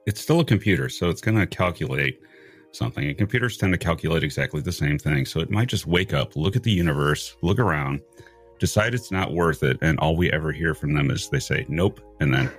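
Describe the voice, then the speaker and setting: A man's voice: a bass voice, lively intonation, fairly quick, breathy edge, faint music behind. A man hosting a talk show, wrapping up an interview and trading dry jokes with his co-host. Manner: dry, joking. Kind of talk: casual talk show chat.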